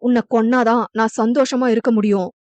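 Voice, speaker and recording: A woman's voice: fairly high pitch, steady tone, fairly quick, a little mellow, no echo, lightly acted. Woman voicing a sneering greedy villain husband. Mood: menacing. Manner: sneering, coldly menacing. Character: scheming greedy middle-aged husband, villain.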